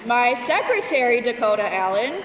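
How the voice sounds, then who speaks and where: A woman's voice: fairly high pitch, sing-song, moderate pace. A woman class advisor giving a ceremony speech, thanking the class officers and reading out their names. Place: large school gymnasium. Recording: echoey gym from far off, loud crowd. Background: crowd noise.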